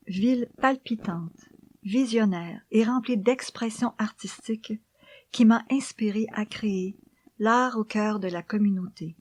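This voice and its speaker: A woman reading memoir and poems in a soft, hushed library whisper, with slow, deliberate phrasing. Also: medium pitch, no room sound. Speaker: author reading her own book.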